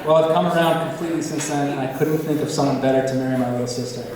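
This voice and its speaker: A man's voice: medium pitch, fairly even intonation, rapid-fire, heavy background noise. A man giving a prepared best man's speech to wedding guests. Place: large indoor reception venue. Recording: echoey hall, distant, loud crowd.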